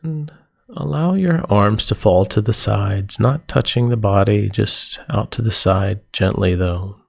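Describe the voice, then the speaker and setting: A yoga nidra teacher guides a meditation in a lowish, creaky voice. His instructions are gentle, soothing and unhurried, with pauses between phrases.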